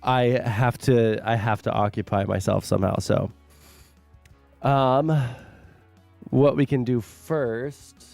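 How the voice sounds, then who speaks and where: A sick man with a hoarse smoker's rasp, chatting casually and bluntly on a livestream, halting and swearing. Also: mid-range voice, darkish tone, no room sound, soft background music. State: sick, sore hoarse throat. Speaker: live streamer.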